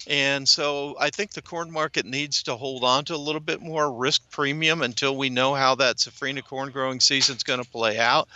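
Bright-toned male commodities economist. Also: medium pitch, dry recording, highs cut off. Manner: measured, analytical, occasional fillers. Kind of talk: interview analysis.

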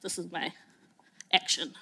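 A woman's voice: a little slow, pushed and bright, slight background noise, poor audio. A woman of Solomon Islands and English heritage, giving a self-deprecating public talk with jokes and fillers. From Solomon Islands and England heritage. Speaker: speaker on a panel.

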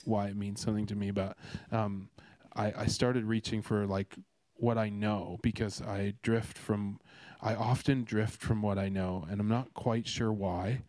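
A man's voice: lowish voice, flat delivery, a little slow, few pauses, a little mellow, dry recording. A man from Canada giving a casual devotional talk, earnest and rambling, with many restarts and fillers. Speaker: speaker sharing a devotional.

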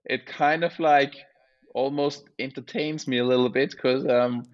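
A man with an Austrian accent, a native German speaker, chatting casually and haltingly as he searches for words. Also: mid-range voice, steady tone, highs cut off. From Austria, small village. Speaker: interview guest, mountain bike rider. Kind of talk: casual chat.

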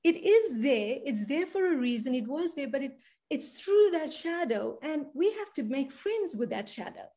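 Speaking with a high, very animated voice of dark tone at a moderate pace, this South African money and spiritual coach gives a conversational interview. She is earnest and frequently checks in with "right?".

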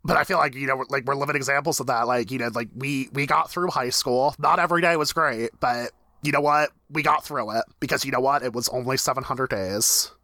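A man in his thirties talks through a TV episode in an animated, casual way, his voice leaping high whenever he acts out a reaction. His tone is bright and forward, recorded close with no room sound. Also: fairly quick, hardly any pauses, no room sound. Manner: animated, jumps high in pitch when acting out reactions. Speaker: podcast co-host.

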